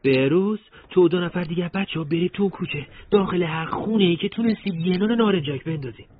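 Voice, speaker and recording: A man's voice: sits high, phone-quality sound, pitched above the performer's own voice. A man reading a story aloud and voicing a reckless, fierce male commander with an Isfahani accent who barks orders. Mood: commanding. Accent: Isfahani Persian. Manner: barking orders, shouting.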